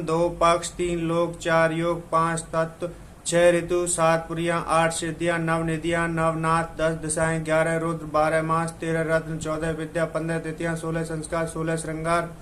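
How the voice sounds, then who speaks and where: A man reciting his own devotional poem, with reverent, measured chanting of mantras and lists. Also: on the high side, a bit bright, slight background noise. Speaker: poet reciting.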